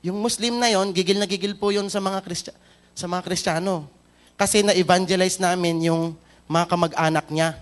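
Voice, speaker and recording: A male Filipino pastor with a high-pitched voice and fairly even intonation talks at normal speed. Blending English and Tagalog, he tells a story in his sermon and questions the congregation.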